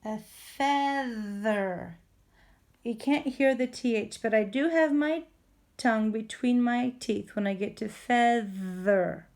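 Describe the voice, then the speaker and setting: A woman teacher giving a phonics lesson to young children, sounding out letters and words with slow, exaggerated speech. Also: fairly high pitch, a little mellow.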